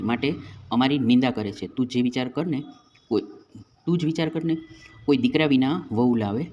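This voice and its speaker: A man voicing a wealthy older Brahmin mother-in-law who speaks in a reassuring, measured way. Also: medium pitch, darkish tone, muffled recording, slight background noise, natural voice.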